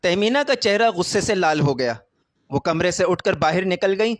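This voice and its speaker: High-voiced male storyteller, dry sound. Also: animated, dry recording. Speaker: narrator. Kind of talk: scripted story narration.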